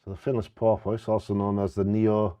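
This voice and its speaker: A man's voice: lowish voice, level tone, quick pace, warm tone, clean tone, dry recording. A man co-hosting, reading out facts informally and stumbling over scientific words.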